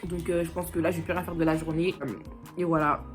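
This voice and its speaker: Speaking fast in a low, flat voice, a young woman from France chats into her phone camera for a casual vlog, rambling along with giggles and fillers. She sounds slightly congested from a cold, and soft music runs in the background.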